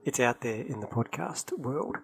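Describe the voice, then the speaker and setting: Gravelly and medium-pitched, this man speaks at a normal speed through a low-quality recording. As a co-host of a casual podcast, he shares lively travel stories from London, chatty and quick to laugh.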